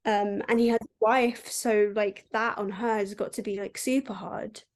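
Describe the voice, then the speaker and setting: This podcast co-host speaks at a moderate pace in a medium-pitched, steady tone as she casually runs through a book recap. Her chatty talk is thick with "like."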